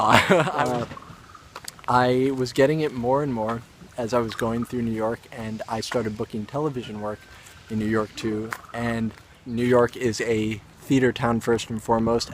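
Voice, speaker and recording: A young man talks straight to his camera, rambling through an anecdote with plenty of self-aware asides. His voice sits in an ordinary middle pitch. A faint hiss of background noise stays under the recording. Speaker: actor and vlogger. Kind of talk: casual storytelling vlog.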